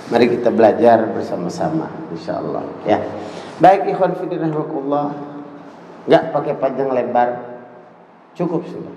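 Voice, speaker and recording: A man's voice: mid-range voice, expressive, moderate pace, long pauses, warm tone, a little hiss or hum. A man with an Indonesian accent preaching a sermon, telling stories and acting out the quoted dialogue. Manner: storytelling, acts out quoted dialogue. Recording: echoey hall reverb.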